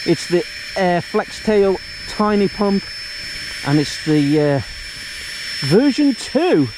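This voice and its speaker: Higher-voiced man vlogging outdoors in windy noise. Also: big pitch swings, takes it slowly. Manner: jokey, matey and sweary. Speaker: hiking and camping vlogger. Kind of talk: casual outdoor vlog chat to camera. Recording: loud outdoor wind and ambient noise.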